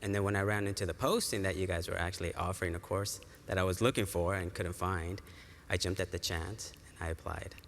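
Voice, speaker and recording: A man's voice: deep voice, fairly even intonation, a little fast, vocal fry, a bit bright. A man from East Africa who grew up in California, answering interview questions earnestly with fillers. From East Africa, raised in California. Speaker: student guest. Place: large conference hall. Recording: reverberant hall, faint room noise.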